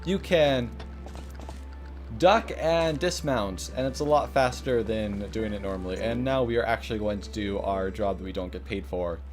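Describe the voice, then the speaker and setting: A man's voice: on the low side, soft background music. A man hosting a let's play with casual, rambling, self-deprecating gameplay commentary. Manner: rambling, self-deprecating, halting when reading.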